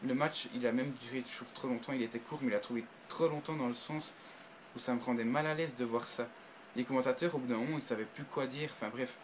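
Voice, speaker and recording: A man giving a casual spoken review to his viewers. He hesitates, restarts often and breaks into bursts of excitement. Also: medium pitch, fast, slight background noise, low-quality recording. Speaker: video reviewer.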